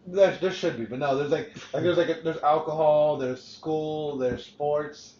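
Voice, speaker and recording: A man's voice: fairly high pitch, fairly even intonation, measured pace, a little mellow, a little hiss or hum. Rambling, profane man hosting a podcast. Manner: rambling, swears freely, frequent restarts. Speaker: podcast host. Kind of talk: casual podcast chat. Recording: roomy, dull lo-fi podcast recording.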